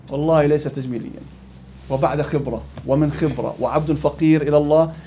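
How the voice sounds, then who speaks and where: A man's voice: a little high, dull audio, a little hiss or hum. A man teaching a recitation class, quizzing students and repeating words to demonstrate them. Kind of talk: classroom lesson.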